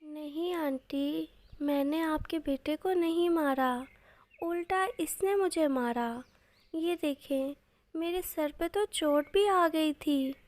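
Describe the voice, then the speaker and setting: A woman voicing a lonely orphan baby bird boy in a cartoon story, soft and pleading. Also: high-pitched, takes it slowly.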